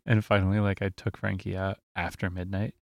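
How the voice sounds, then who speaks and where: A man's voice: low-pitched, little pitch movement, normal speed, gravelly, no room sound. A man co-hosting a podcast, telling stories in a laid-back way and laughing often. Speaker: podcast co-host. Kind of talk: casual chat.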